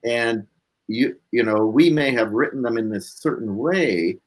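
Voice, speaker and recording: A musician with a husky, mid-range voice talks casually and reflectively in an interview, speaking a little slowly and repeating points for emphasis.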